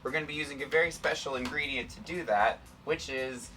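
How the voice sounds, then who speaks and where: Bright, forceful man explaining an experiment. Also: mid-range voice, brisk, distant mic, a little hiss or hum, poor audio. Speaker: science show host and demonstrator. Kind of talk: casual, playful lesson explaining an experiment.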